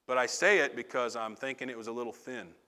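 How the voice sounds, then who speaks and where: A man's voice: mid-range voice, quick pace, sharp tone. A man preaching a sermon in a conversational, confessional way, with asides to the congregation. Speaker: pastor.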